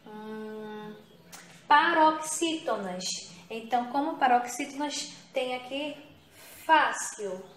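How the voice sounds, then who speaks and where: Slow, patient woman teacher. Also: a little high, a bit bright. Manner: patient, repeats and checks with "tá?". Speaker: primary school teacher. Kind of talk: recorded remote grammar lesson. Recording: echoey room.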